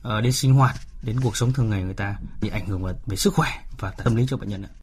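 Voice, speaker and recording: A man's voice: on the low side, fast talker, darkish tone, breathy edge. A man explaining as a doctor, asking his own rhetorical questions and then answering them. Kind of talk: spontaneous medical explanation.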